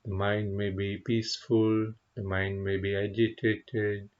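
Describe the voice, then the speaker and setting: A man who is a meditation teacher and Buddhist monk leads a guided meditation, speaking gently and contemplatively in short phrases with unhurried pauses. His pitch is fairly low with little movement, and the sound is lo-fi.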